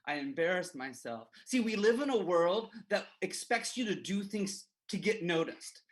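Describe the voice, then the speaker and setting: A man giving a devotional as an animated story, full of self-mocking humor, on a livestream. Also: high-pitched. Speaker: devotional speaker.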